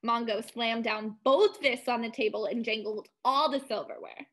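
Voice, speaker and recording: A woman narrating a children's mystery story aloud with expressive, clear narration. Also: a little high, moderate pace, poor audio.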